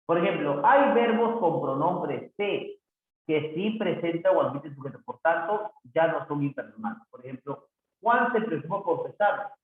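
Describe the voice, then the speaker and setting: A man's voice: a little high, lively intonation, moderate pace. A male teacher explaining grammar rules with examples, often checking with his students. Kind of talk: grammar lesson. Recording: tinny phone-like audio, very echoey room.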